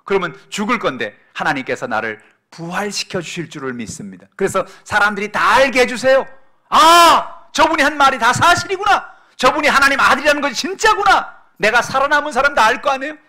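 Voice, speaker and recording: Man playing Jesus in prayer: earnest, pleading, reverent, bright-toned. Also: very high voice, expressive, brisk, pitched above the performer's own voice, exaggerated voice. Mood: fervent. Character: Jesus, a grown man praying earnestly to his Father.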